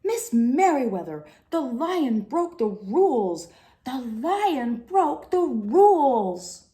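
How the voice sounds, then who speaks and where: Woman voicing a fussy, loud, indignant library man. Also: high-pitched, very animated, takes it slowly, pitched above the performer's own voice, heavily acted. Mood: loud indignation. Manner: emphatic, exclaiming. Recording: roomy echo, faint background noise.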